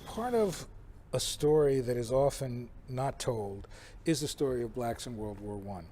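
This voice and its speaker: A man's voice: mid-range voice, expressive, unhurried, dark tone, slight background noise. A man explaining a historical collection as a presenter, emphatically pointing out what matters. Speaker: museum presenter.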